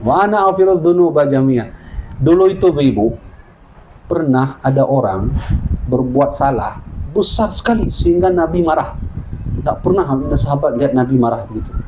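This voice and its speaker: A male preacher with an Acehnese Indonesian accent, speaking on the higher side and telling stories that he brings to life by voicing each character in turn. The recording carries a clear layer of background noise with occasional clicks. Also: animated, moderate pace, long pauses, a little mellow, rough recording. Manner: storytelling, acting out dialogue in changing voices. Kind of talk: sermon.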